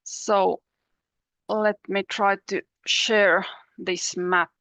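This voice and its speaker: A Finnish professor, a native Finnish speaker, gives an academic presentation as a panelist over a video call. Her mid-range voice is flat and a bit bright, and her delivery is measured and explanatory, with frequent pauses and restarts. The recording is dry.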